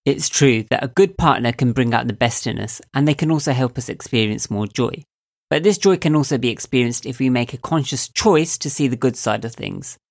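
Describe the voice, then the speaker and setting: A man's voice, nasal and a touch squeaky, sitting at an ordinary middle pitch. He talks through a reflective self-help monologue as a podcast host. He is calm and thoughtful, and he turns to the listener with easy rhetorical questions. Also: brisk.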